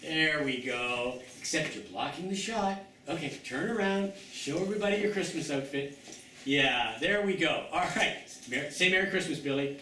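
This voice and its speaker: Bright, chatty comedy host, distant and roomy. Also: male voice, on the high side, animated. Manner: rambling, coaxing, with halting restarts. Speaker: show host. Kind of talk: comedic sketch-show sign-off. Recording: roomy, distant sound with faint noise.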